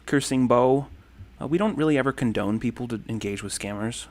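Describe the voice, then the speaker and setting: A fairly quick, darkish medium-pitched voice belongs to a male livestream host in his thirties. Reading viewers' comments, he wanders from point to point, friendly, with many ums and thank-yous.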